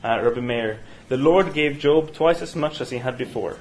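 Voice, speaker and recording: A Norwegian man leads a university seminar lecture as the teacher of a study session, speaking haltingly with many fillers and restarts. His voice sits at medium pitch. The single room mic in the university room yields a rough recording.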